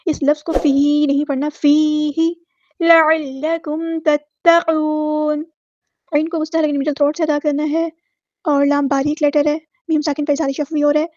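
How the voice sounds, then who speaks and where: A woman gives a patient, step-by-step tajweed lesson, slowly drawing out each recited word before explaining the rule. Her voice sits high and stays level without much rise and fall. The recording is dry and a little dull. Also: little pitch movement, warm tone, no echo. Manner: patient, repetitive step-by-step instruction. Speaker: Quran recitation teacher.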